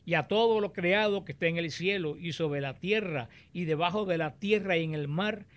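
A man teaching on the Bible, explaining and reading scripture aloud in a deliberate, explanatory way. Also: high voice.

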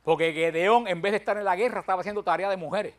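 A man's voice: sits high, fast talker. An older man teaching a Bible study, counting out his points with emphasis and telling self-deprecating stories with humor.

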